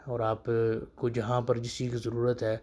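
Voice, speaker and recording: A man who teaches Arabic phrases in a casual spoken lesson, slowing down to repeat each phrase for learners. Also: mid-range voice, monotone, darkish tone, breathy edge.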